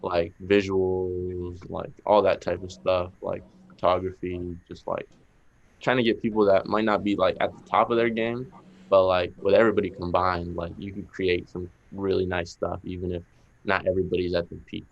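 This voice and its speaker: A young man with a Boston accent speaks in a deep, even, almost monotone voice. He is a rapper guest on a podcast and rambles through his answers, leaning on fillers. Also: moderate pace, vocal fry, muffled recording. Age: young adult. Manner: laid-back, rambling with many fillers. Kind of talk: casual interview chat.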